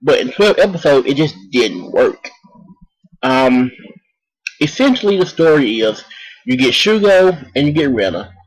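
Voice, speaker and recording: A man's voice: medium pitch, sing-song, unhurried, breathy edge, low-quality recording. A man casually reviewing an anime, rambling with many ums and restarts while talking around a cough drop.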